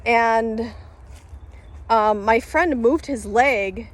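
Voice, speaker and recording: A vlogger with a slightly high voice who stretches out her words tells a story to the camera. She rambles casually, laughing as she talks, with lots of fillers, restarts and self-corrections.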